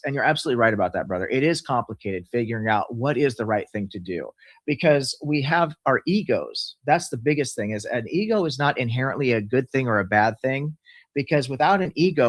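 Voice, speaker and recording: A man in his early fifties talks quickly and earnestly in a casual discussion. His thoughts run on at length. The sound is dry and close, with no room around it. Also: medium pitch, dry recording. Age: 50s. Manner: earnest, rambling, explains with laughs. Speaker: channel host.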